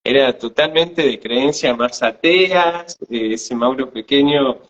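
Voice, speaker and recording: A man's voice: mid-range voice, slow, fairly bright tone. A man, co-hosting and telling a personal spiritual story hesitantly, often repeating words. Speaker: podcast co-host. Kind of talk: casual spiritual storytelling chat. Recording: slightly dull lo-fi sound.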